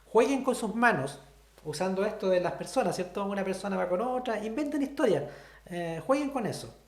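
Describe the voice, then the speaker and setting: Lively intonation and a fairly quick pace mark this man's high voice as he teaches sign language online with a Chilean Spanish accent. He breaks things down step by step and checks on students often, in a reverberant space.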